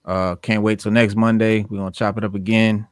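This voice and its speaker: A man's voice: lowish voice, little pitch movement, a little fast, clean tone, no echo, clean studio sound. A man co-hosting a casual live show, laid back, often repeating himself, talking over a video call. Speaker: podcast co-host. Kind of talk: casual chat.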